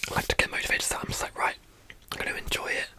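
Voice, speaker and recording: A young adult whispers in a fast ASMR style, all breath and no voice. The delivery is informal and rambling, with words often repeated, like someone answering questions off the cuff.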